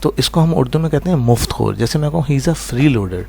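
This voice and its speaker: A man teaching English vocabulary in a lesson. He explains each word, checks in with "right?" after each point, and slows right down to pronounce the English words. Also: mid-range voice, lively intonation, creaky, mellow, slight background noise.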